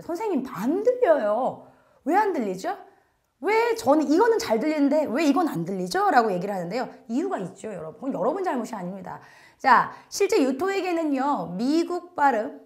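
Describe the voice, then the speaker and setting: Lively chatty woman teaching English listening. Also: fairly high pitch. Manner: chatty, addresses students directly, frequent "자" fillers. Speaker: TOEIC listening instructor. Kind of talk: recorded lecture.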